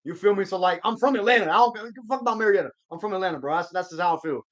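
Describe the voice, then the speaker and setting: This Georgian host of a live sports stream talks at a racing pace in a high, slightly bright voice over lo-fi sound. He responds to viewer comments in a casual, rambling way full of slang and restarts.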